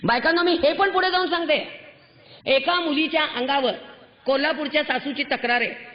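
A woman's voice: high voice, moderate pace. A woman giving an impassioned, scolding lecture to a crowd of women, firing off rhetorical questions. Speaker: public speaker addressing women. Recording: muffled sound with long hall reverb.

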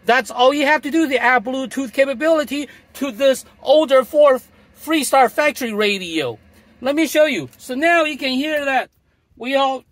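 Sitting in a parked car, a middle-aged product demonstrator shows off a gadget, repeating himself in a pushy sales style. His voice is extremely high and a little bright, and the recording is dry.

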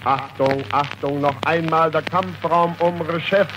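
A man's voice: fairly high pitch, fairly even intonation, measured pace. A man announcing and calling out stations in a formal live broadcast, heard as an old 1940s radio recording. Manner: calling out stations with repeated commands. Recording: noisy archival radio recording.

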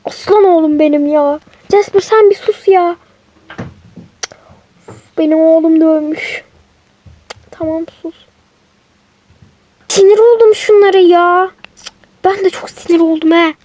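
A woman's voice: very high voice, measured pace, pauses often, mellow. A woman hosting a chatty toy game role-play, switching between characters. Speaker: role-play channel host.

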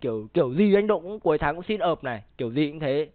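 High-voiced male streamer, tinny and dry. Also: very animated, fast, noisy background. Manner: rambling, profane, pleading with the audience. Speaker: streamer reacting with friends. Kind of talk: casual chat.

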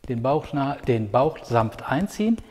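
Guy leading yoga at home, counting along patiently, mid-pitched voice, lots of reverb. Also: unhurried, husky. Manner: calm, patient step-by-step cues with counting. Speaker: yoga teacher. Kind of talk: guided yoga instruction. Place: room at home. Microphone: clip-on microphone. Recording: long hall reverb.

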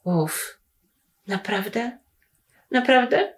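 A woman voicing Kubuś, a small eager boy who is the youngest brother, asking wide-eyed, excited questions. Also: a little high, very slow, pitched above the performer's own voice. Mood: overjoyed.

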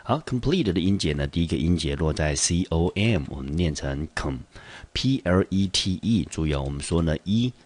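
A man with a Taiwanese Mandarin accent teaching English vocabulary, explaining patiently and slowing down to pronounce each English word. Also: extremely low pitch, expressive, darkish tone, dry recording. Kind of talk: vocabulary lesson.

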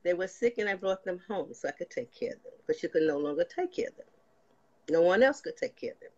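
A woman's voice: fairly low pitch, expressive, fast talker, a little mellow. An older woman giving a personal faith testimony as a guest, telling her story and acting out past conversations. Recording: slightly dull lo-fi sound.

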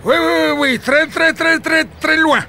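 Squeaky bright excitable old fella, keeps repeating himself, faint street noise. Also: male voice, a little slow, vocal fry, exaggerated voice. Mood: excited. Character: chirpy excited old man Maurice.

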